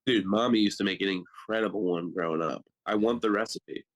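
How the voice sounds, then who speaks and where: A man co-hosting a podcast who tells animated stories in casual chat, full of "like". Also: fairly low pitch, a little fast. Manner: animated storyteller, fills with "like". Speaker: podcast co-host.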